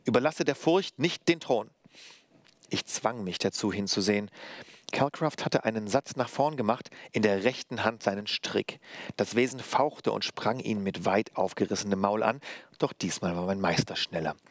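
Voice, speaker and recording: A male author reading aloud from his novel in a measured, steady way, then explaining the story. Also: on the low side, dry recording, clean studio sound. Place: library reading.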